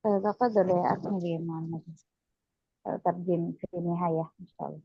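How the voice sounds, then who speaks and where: A woman's voice: on the low side, steady tone, fast talker, vocal fry, slightly rough, dry recording. A woman student giving short, polite replies to her teacher over dull, lo-fi audio.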